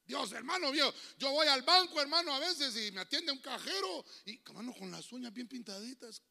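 Emphatic Honduran pastor preaching. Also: male voice, very high-pitched, animated, normal speed, gravelly, bright, forceful tone, long reverb tail. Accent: Honduran Spanish. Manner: preachy and emphatic, calls out to the congregation. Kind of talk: sermon. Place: church hall.

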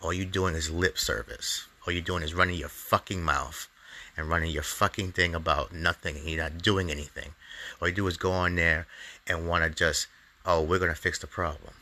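A man's voice: deep voice, fairly even intonation, moderate pace, bright, forceful tone. A man hosting his own show, delivering an angry, profane opinion monologue in a heated, ranting way. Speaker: comedian podcast host.

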